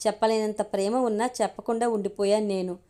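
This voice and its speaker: A woman's voice: medium pitch, steady tone, fairly quick, dark tone, lightly acted. A woman reading the lines of a lovesick young man in an audio story, earnest and pleading. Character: young man in love, hesitant then eager.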